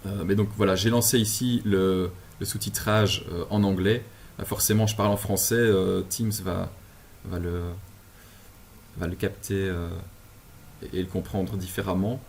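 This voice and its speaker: A man from Belgium giving a relaxed software tutorial from his apartment over a video call, with many fillers and restarts. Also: low voice, unhurried, gravelly, a little hiss or hum. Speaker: instructor. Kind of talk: screen-share software tutorial. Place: home apartment.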